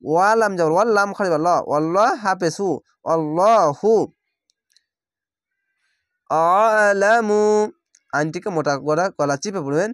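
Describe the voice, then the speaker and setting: Man, Quran reading teacher with a Bangladeshi Bengali accent, drawn-out chanting with brisk explanations, dry close sound. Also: a little high, dry recording. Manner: drawls each word slowly when chanting, then explains quickly. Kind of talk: spelled-out Quran recitation lesson.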